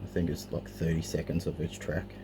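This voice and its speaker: On a clearly noisy amateur home recording, a middle-aged man with a bass voice walks through his cassette collection. His delivery is flat and a little fast, and the unscripted, casual presentation comes across as somewhat hesitant.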